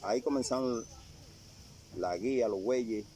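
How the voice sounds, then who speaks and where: An older man tells his story in a halting way, circling back over his own phrases as he remembers. His voice sounds dark and mellow, recorded outdoors in a rural spot with faint noise behind him. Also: medium pitch. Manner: halting, repeats phrases as he recalls. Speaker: interviewee sharing a testimony. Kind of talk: casual storytelling.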